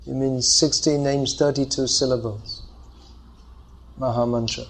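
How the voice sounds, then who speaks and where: A man's voice: mid-range voice, fairly even intonation, measured pace. Man explaining a scripture class. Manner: explanatory, thinking aloud. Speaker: teacher leading a scripture class. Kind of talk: lecture with audience questions.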